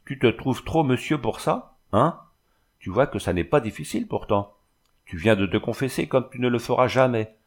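A man voicing a kindly, gently firm village priest who coaxes and scolds like a father, in a storybook reading. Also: mid-range voice, animated, moderate pace, voice pushed up. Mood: coaxing. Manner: coaxing, paternal scolding.

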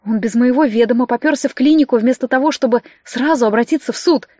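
A woman narrating a first-person audiobook in a wry, lively storytelling manner. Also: fairly high pitch, fast talker, dry recording, highs cut off.

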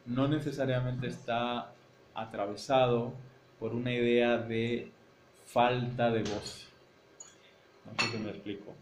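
A man's voice: mid-range voice, little pitch movement, takes it slowly, slight background noise. Man from Madrid explaining in an echoey classroom. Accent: Spanish from Spain, Madrid. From Spain (Madrid). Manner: explanatory, thinks aloud, checks understanding with frequent "¿no?". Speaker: university teacher. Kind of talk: seminar lecture with discussion.

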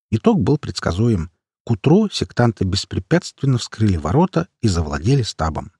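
A man's voice: on the low side, darkish tone, husky, no echo, clean studio sound. A man narrating an action story audiobook in the first person, telling it dramatically.

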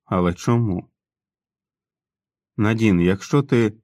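Reader doing a careful man, slow probing questions, low voice. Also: no echo. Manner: slow, gentle questioning with pauses.

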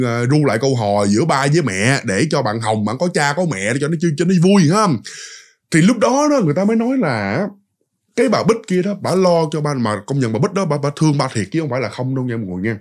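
A man tells a ghost story in a chatty, casual way, speaking straight to his listeners. He has a Southern Vietnamese accent and a slightly high voice. His pitch rises and falls widely as he tells it. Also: fast talker. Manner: animated, chatty, addresses listeners directly.

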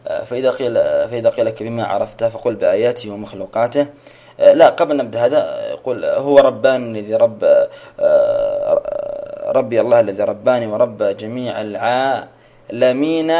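A man's voice: mid-range voice, mellow. A man teaching a religious lesson online, asking questions, repeating them and praising his students' answers.

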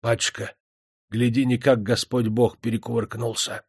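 A man voicing a pious old factory master who whispers in hushed alarm. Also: mid-range voice, big pitch swings, measured pace, breathy edge, dry recording, clean studio sound.

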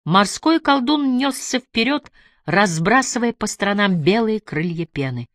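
A woman narrating an audiobook with a measured, dramatic reading. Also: mid-range voice, lively intonation, fairly bright tone, dry recording, studio quality. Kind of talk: scripted narration.

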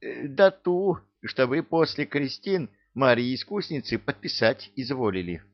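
A man's voice: mid-range voice, expressive, unhurried, dull audio, voice pushed up. A man voicing a crafty, folksy male servant who talks in a wheedling way.

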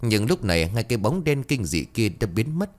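A male storyteller reading a ghost story. His voice sits low, but his intonation swings widely. He narrates in a dramatic, expressive manner. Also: normal speed.

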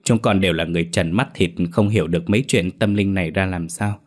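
A man's voice: low-pitched, quick pace. A man doing a humble, pleading brother. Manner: deferential, earnest. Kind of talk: storybook character voice.

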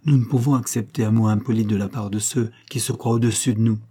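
A man's voice: fairly low pitch, fast, husky. A man reading a proud, earnest working man. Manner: earnest, steady, plain-spoken. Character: proud plain-spoken working man from the north. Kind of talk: audiobook character reading.

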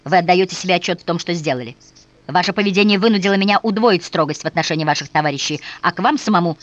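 An audiobook reader voicing a flustered, blustering elderly general who shouts in alarm and mumbles to himself. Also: medium pitch, rapid-fire, no room sound, muffled recording, natural voice. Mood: stern. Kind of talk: audiobook character reading.

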